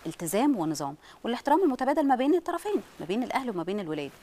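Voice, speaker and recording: A woman with an Egyptian Arabic accent speaking as a parenting specialist on a studio talk show, animated and acting out what parents say. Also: fairly high pitch, very fast.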